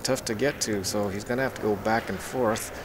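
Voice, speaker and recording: A man's voice: on the low side, a little fast, slight background noise. A man commentating a pool match on a live stream, chatty and joking, telling anecdotes between shots.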